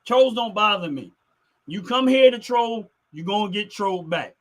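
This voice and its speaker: This middle-aged man hosts a livestream, answering chat casually and with strong opinions. His voice is high and expressive at a normal speed, and he repeats phrases emphatically to drive his points home.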